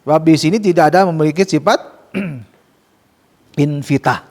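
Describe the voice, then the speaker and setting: A man teaching Quran recitation rules to students, explaining casually and modelling slow, drawn-out recitation. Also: on the high side, darkish tone, big-room sound. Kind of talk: tajwid lesson with students.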